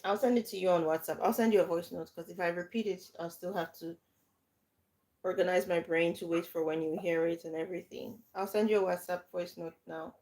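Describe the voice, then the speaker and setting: Here the same Nigerian-accented coach sounds lower and a little quick, and the recording is rough. She runs her livestream with energetic, emphatic tips, circling back to say things again.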